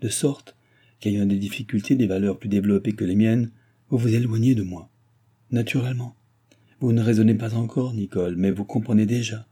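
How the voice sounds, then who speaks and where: A man's voice: fairly low pitch, fairly quick, dark tone, husky. A man playing a cold, arrogant young man who lectures with disdain in a read-aloud novel.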